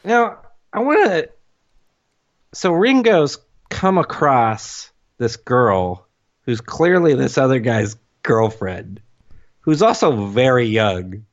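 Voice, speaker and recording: Animated man chatting on a podcast. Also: mid-range voice, slow, dull audio. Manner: animated, acts out lines in mock voices. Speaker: podcast co-host. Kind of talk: casual chat reviewing a TV special.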